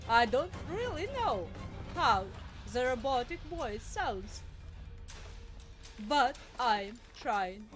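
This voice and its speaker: Robot voice, woman streamer doing it: stiff, formal, machine-like wording, pitched fairly high, unhurried. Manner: flat, formal machine-like phrasing. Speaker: streamer playing a game. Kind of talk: live game commentary.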